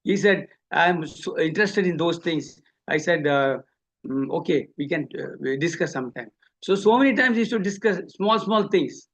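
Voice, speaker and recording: A man from India with an Indian accent and a somewhat high, bright, animated voice speaks at normal speed, giving a spoken eulogy as a devotee. He shares personal anecdotes and acts out both sides of conversations. The recording is dull and lo-fi.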